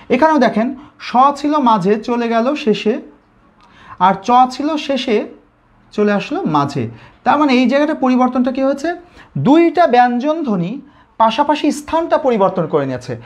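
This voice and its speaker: Bangladeshi teacher drilling grammar questions. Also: male voice, very high voice. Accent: Bangladeshi Bengali. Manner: repeats questions and answers them himself. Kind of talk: live online grammar lesson. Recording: slightly dull lo-fi audio.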